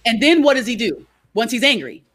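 A woman speaking as a guest in an interview, a behavior coach who explains her ideas through lively stories and keeps asking "right?". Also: fairly high pitch, a little fast, husky. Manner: animated storyteller, frequent "right?". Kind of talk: conversational interview.

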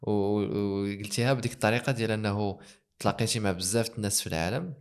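A man's voice: fairly low pitch, fast talker, smooth. A man hosting a casual interview, asking questions and giving short agreeing replies. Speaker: host.

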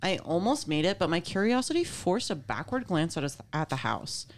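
A woman's voice: on the low side, sing-song, moderate pace. A woman casually reading a scary story aloud, with playful, informal asides. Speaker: story reader.

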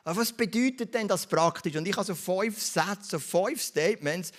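A man with a Swiss German accent preaching, his voice sitting a little high. He retells scripture as a story and keeps turning to the congregation with direct questions. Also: moderate pace. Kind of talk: sermon.

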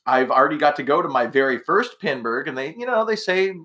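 A man's voice: a little high, lively intonation, fairly quick, pushed and bright. A middle-aged man from Canada hosting a casual podcast monologue, rambling chattily and correcting himself in asides. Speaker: podcast host.

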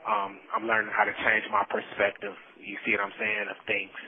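This incarcerated storyteller speaks at normal speed in a fairly low voice, his delivery completely flat. He recounts a heartfelt, faith-driven personal testimony in everyday vernacular, repeating points for emphasis, and the prison phone call sounds muffled and band-limited.

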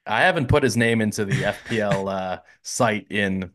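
A man's voice: on the low side, normal speed, fairly bright tone. An American man co-hosting a casual football podcast, upbeat and asking his guests questions. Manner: upbeat, asks questions and reads the show's segment links. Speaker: podcast co-host.

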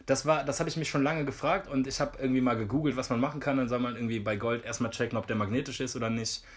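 A man's voice: mid-range voice, very fast. A man, telling a story in casual chat and saying "Alter" a lot. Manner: animated slangy storyteller, says "Alter" a lot. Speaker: podcast co-host.

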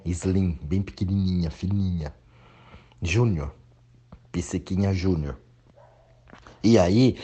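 Low husky man, blunt. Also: mellow. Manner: blunt, crude and emphatic. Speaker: speaker. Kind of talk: opinionated monologue.

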